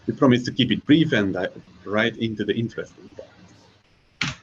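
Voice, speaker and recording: Husky low-voiced man giving a talk. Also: animated, normal speed. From Hungary. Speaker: software engineer presenting a conference talk. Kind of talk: scripted conference presentation. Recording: slightly dull, muffled recording.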